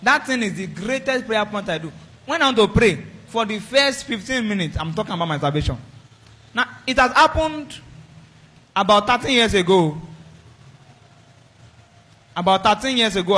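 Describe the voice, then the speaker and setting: A man preaching a sermon, acting out dialogues with animated, raised voices. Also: high-pitched, normal speed, long pauses. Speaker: pastor.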